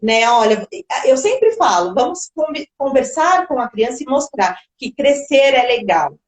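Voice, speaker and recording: A woman's voice: high voice, very animated, measured pace, reverberant, rough recording. A woman speech therapist giving explanatory answers in a live video-call interview, now and then acting out parents and children.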